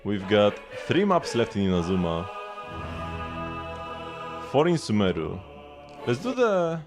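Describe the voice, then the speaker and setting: This gameplay livestreamer talks in a loose, rambling, self-deprecating way while he plays, game music running underneath. His voice sits on the low side, with wildly swooping pitch and an unhurried delivery.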